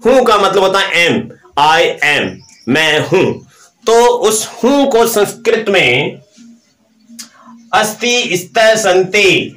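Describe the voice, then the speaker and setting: High-voiced male teacher drilling verb forms. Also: animated, takes it slowly, sharp tone, reverberant. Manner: drills verb forms aloud, asks and answers his own questions. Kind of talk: live online grammar lesson.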